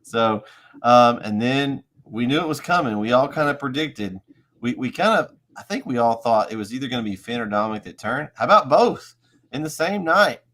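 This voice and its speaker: A man's voice: medium pitch, lively intonation, moderate pace, fairly bright tone. A man hosting a casual wrestling review show, easygoing and fond of homespun analogies. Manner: easygoing, uses homespun analogies, laughs along. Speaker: podcast host.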